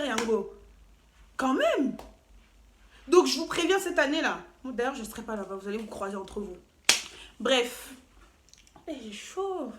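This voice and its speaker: A woman telling a story to camera in a casual, animated and slangy way, with playful asides. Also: a little high. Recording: roomy echo, faint noise.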